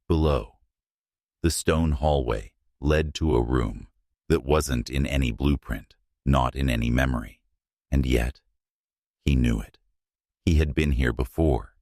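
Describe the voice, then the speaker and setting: A man narrating a scripted horror story in a hushed, suspenseful manner, in short, measured phrases. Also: extremely low pitch, no echo, clean studio sound.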